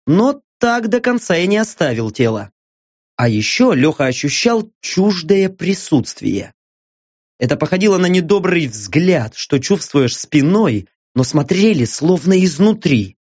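A male audiobook narrator reads in an expressive, measured way. His pitch rises and falls freely through the story. The recording sounds dull and lo-fi, with a dry, close sound. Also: no echo. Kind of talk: scripted narration.

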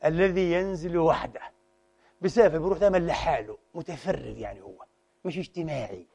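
A man preaching a sermon, switching between formal in a lively, animated manner. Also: fairly high pitch, quick pace, gravelly, slightly rough. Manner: animated, mixes formal Arabic with colloquial dialect, acts out quoted voices.

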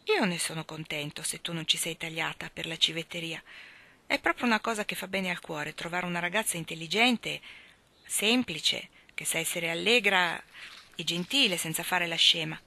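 Woman reading as a teasing young gentleman. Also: lowish voice, normal speed. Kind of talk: audiobook reading.

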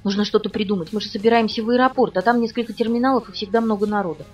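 A woman reading the lines of a calm, falsely polite male villain on the phone in an audiobook. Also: medium pitch, very fast, close to an everyday voice. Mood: cold, polite menace. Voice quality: pleasant tenor, falsely polite. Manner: calm, commanding, mocking. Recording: dull, distant recording with faint music.

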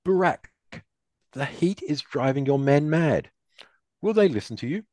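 A telepathic young heroine speaks calmly and firmly. A man puts her on, raising his voice to suggest a woman. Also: fairly high pitch, unhurried, dry recording, pitched above the performer's own voice.

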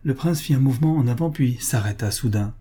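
Husky-voiced man reading a novel aloud. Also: medium pitch, brisk, dark tone. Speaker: audiobook reader. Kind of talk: scripted narration of a classic novel.

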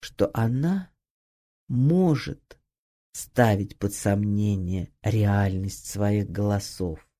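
A woman giving an expressive, emphatic scripted narration of an acting guide, read as an audiobook. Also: a bass voice. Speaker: audiobook reader.

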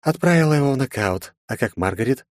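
A man's voice: mid-range voice, expressive, fast talker, a little mellow, dry recording, studio quality, pitched above the performer's own voice, natural voice. A man voicing a loyal female assistant in an audiobook, polite yet teasing and cheerful.

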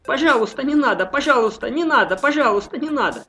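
A man voicing a terrified young man who cries, stammers and begs over and over in a high wail. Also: lively intonation, fast, pushed and bright, faint music behind, full character voice. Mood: sobbing pleading. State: crying.

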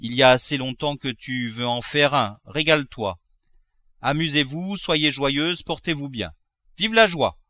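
A man voicing a miserly old vintner in his seventies, cajoling and cackling with excitement over gold, in a French audiobook reading. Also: mid-range voice, unhurried, no room sound, studio quality. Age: 70s.

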